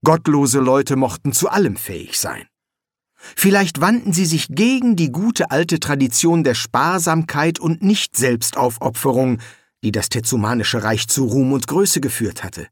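A man reads a storybook aloud in a slow, measured way. His somewhat raised voice moves through a lively range of pitch. The recording is close and dry, with no room sound. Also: slightly rough, no room sound. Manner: measured, expressive reading. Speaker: audiobook narrator. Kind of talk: scripted storybook narration.

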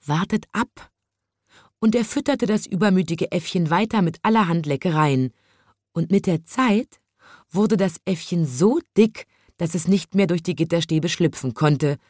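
A woman narrating a children's storybook in an even, measured reading voice. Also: fairly low pitch, no echo, studio quality.

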